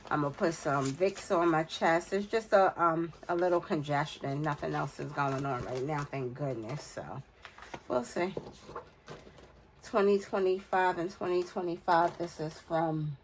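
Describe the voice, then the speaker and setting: A deep-voiced woman in her forties from the United States, a budgeting vlogger, speaks at a measured pace over slight background noise. Congested and nasal from a cold, she chats casually and unhurriedly while filling in budget challenges, counting softly under her breath.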